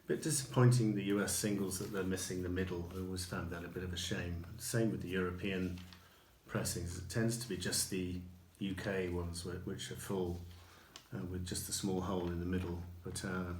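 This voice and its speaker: Low, flat-voiced man in an echoey room. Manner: unhurried, many ums and restarts. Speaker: record collector showing purchases. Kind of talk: casual video review. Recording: echoey room with faint noise.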